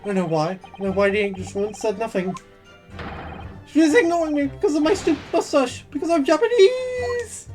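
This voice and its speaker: A woman voicing an excitable, indignant and evasive male witness in a game, in a put-on voice that keeps slipping. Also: mid-range voice, fast, few pauses, faint music behind, close to an everyday voice.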